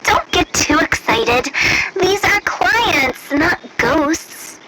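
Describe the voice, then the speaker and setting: A woman's voice: extremely high pitch, big pitch swings, drawn-out words, very noisy, exaggerated voice. A woman voicing a mischievous, theatrical young female funeral director in a video game, with playful, cheerfully morbid sales patter and game music behind her. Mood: breezy, playful. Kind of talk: video game character acting.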